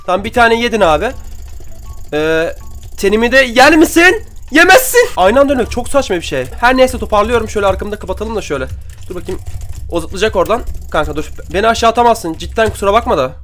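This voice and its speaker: A man's voice: high voice, expressive, fast, faint music behind. A young man giving casual commentary over his own gameplay, chatty and trash-talking opponents, with keyboard and mouse clicks at his desk mic. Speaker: gaming YouTuber. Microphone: desk microphone, keyboard and mouse clicks.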